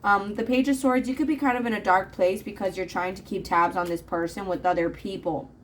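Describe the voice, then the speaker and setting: A woman's voice: medium pitch, steady tone, brisk, slight background noise, rough recording. A woman reading tarot cards in a casual, rambling monologue with plenty of fillers. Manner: chatty, rambling, frequent fillers. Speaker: tarot reader.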